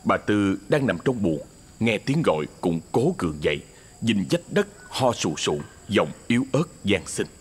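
A man narrating a ghost story, in an expressive, dramatic reading. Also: fairly low pitch, moderate pace, slightly rough, in a large hall. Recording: faint music underneath.

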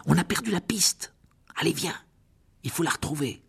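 A man's voice: fairly high pitch, lively intonation, normal speed, vocal fry, slightly rough, voice pushed up, heavily acted. A man voicing a tense young boy wizard who speaks in an urgent whisper, reading an audiobook.

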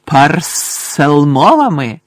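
A man voicing a mischievous male poltergeist who taunts in a mocking, drawn-out sing-song. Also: a little high, sing-song, no room sound, studio quality, heavily acted. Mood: taunting.

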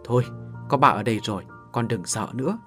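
A man voicing a calm middle-aged father gently comforting his frightened daughter. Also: medium pitch, fast, faint music behind, lightly acted. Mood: soothing. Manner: gentle, reassuring.

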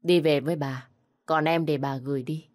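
A woman's voice: low voice, fairly even intonation, moderate pace, close to an everyday voice. Woman doing a cold, blunt old grandmother. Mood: curt.

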